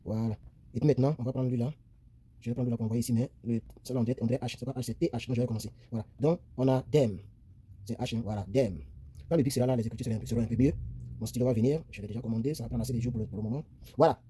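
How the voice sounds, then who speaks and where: A man's voice: mid-range voice, very fast, warm tone, slightly rough. A man teaching English grammar in a chatty, repetitive way, narrating as he writes on a tablet and correcting himself as he goes. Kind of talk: casual screen-recorded lesson.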